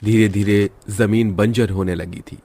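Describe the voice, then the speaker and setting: A man's voice: lowish voice, fairly even intonation, measured pace, dark tone. A man in scripted narration of a cartoon story, telling it evenly.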